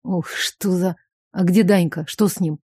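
A woman's voice: fairly low pitch, steady tone, a little slow, breathy edge, no room sound, clean studio sound. A woman voicing an injured young husband who speaks weakly and tenderly, in an audiobook. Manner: weak, quiet, teasing.

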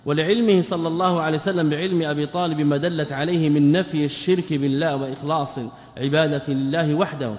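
A man's voice: on the high side, fairly even intonation, fast, hardly any pauses, a little hiss or hum. A man, a sheikh, giving a classroom lesson, explaining points by asking and answering his own questions. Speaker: sheikh teaching a text. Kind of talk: classroom lesson on creed and grammar. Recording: long hall reverb.

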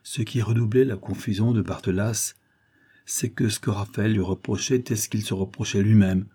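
Sex: man. Role: audiobook narrator. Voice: low, dark and husky. Style: measured literary narration. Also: fairly even intonation.

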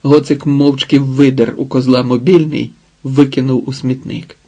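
A man narrating an audiobook in a calm, measured way. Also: mid-range voice, breathy edge. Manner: calm, measured, unhurried reading. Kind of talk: scripted narration.

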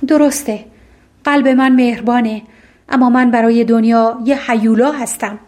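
A woman voicing a lonely male beast in an audiobook fairy tale, speaking in a halting, plain and soft way. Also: fairly high pitch, fairly even intonation, natural voice. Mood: earnest. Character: gruff lonely beast, male, shy and humble. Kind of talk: audiobook storytelling.

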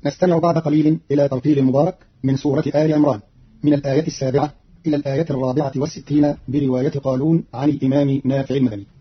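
A man's voice: mid-range voice, little pitch movement, very fast, slightly rough. A man giving a formal, scripted explanation of recitation readings, quoting verses in an instructive manner, from an archival radio broadcast. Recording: dull lo-fi archival radio recording.

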